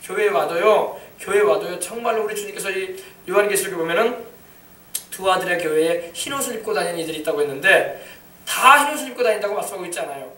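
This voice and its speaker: A male pastor preaching with a high voice and a fast, driving pace, breaking into shouted commands. He is recorded from some distance in a roomy, echoing church, with faint noise underneath. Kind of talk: sermon.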